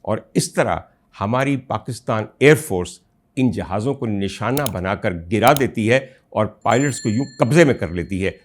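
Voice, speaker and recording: Hosting a political commentary show, a man with a Pakistani Urdu accent speaks in a fairly low, expressive voice at a moderate pace. He calls his listeners "ladies and gentlemen" as his rhetorical monologue swells into loud, indignant outbursts.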